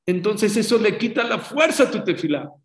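Animated man preaching in a roomy space. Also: high-pitched, normal speed. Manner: animated, acts out story voices. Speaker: religious teacher. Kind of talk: sermon with storytelling. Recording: roomy echo.

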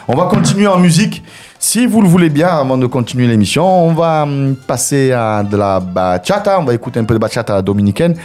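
A man hosting a radio show in casual chat, lively and full of hesitant fillers. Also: medium pitch. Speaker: radio host.

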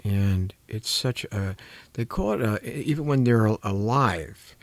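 An older male clinician who hosts a programme speaks reflectively and earnestly about caregiving, searching for words and stressing key ones. His voice is lowish and animated, with a measured pace, in a dry recording.

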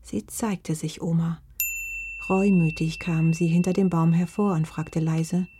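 A woman narrating a children's story in a gentle, measured way. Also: low-pitched, fairly even intonation, a little hiss or hum.

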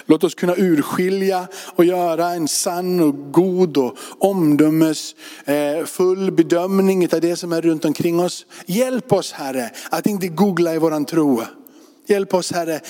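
A man's voice: fairly high pitch, dark tone. A male pastor leading a closing prayer and telling a story in a church service, speaking with a fervent, repetitive cadence. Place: church sanctuary. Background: music playing under the voice.

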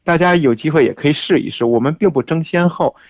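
A man as the guest on a radio talk show, explaining things in a measured way with frequent fillers. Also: a little high, a little mellow, no echo, dull audio. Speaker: guest hiking expert. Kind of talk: casual radio interview.

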